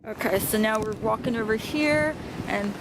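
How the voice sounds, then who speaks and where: A woman's voice: on the high side, moderate pace. A woman chatting casually as she vlogs outdoors, with wind on the mic. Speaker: vlogger. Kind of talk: casual vlog chat. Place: outdoors in windy weather.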